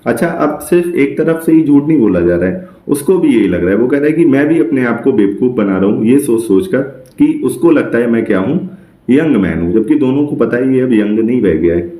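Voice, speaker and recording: Teaching literature for exam prep, a man walks through the material step by step, frequently checks with his class, and reads English lines slowly. He has a medium-pitched, warm voice with lively intonation, heard in a roomy space.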